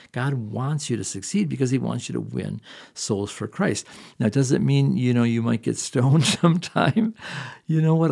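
A man's voice: lowish voice, vocal fry, a little mellow, husky. A man preaching a sermon, reading scripture and speaking earnestly in a conversational way.

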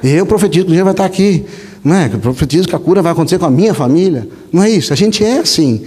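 A male pastor preaching a sermon, telling stories in an animated, conversational way and often tagging lines with a questioning aside. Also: on the high side, very fast, breathy edge. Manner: animated, conversational, frequent rhetorical "né?". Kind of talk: sermon with storytelling. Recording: long hall reverb.

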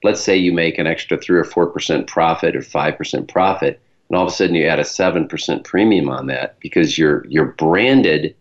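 A man's voice: extremely low pitch, brisk, muffled recording. A man with a Great Lakes accent from Michigan, hosting a show in a chatty, explanatory way and addressing listeners directly. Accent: Michigan, Great Lakes American. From Michigan, United States. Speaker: podcast host, branding professional.

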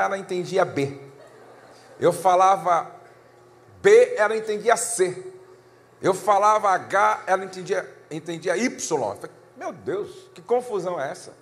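Animated preacher man in a reverberant hall. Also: a little hiss or hum. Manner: animated storytelling, pitch climbing when excited. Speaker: pastor. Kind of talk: sermon.

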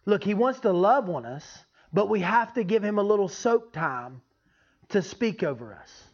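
A man's voice: high-pitched, animated, normal speed. A man giving an informal, folksy teaching sermon as a preacher, often checking in with his listeners. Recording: dull, lo-fi sound.

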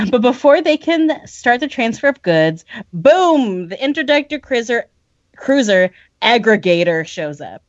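A woman hosts a podcast, recapping the plot in a casual, animated way. Her pitch swings widely as she talks. The recording is dry and a bit muffled. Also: measured pace, no room sound. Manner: animated recap, laughs often. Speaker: podcast host summarizing a book. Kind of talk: casual chat.

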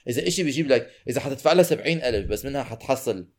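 Levantine guy on a podcast, talks really fast, arabic english mix, jokey and disbelieving. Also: medium pitch, expressive. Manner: mixes Arabic and English mid-sentence. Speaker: podcast co-host. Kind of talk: casual podcast chat.

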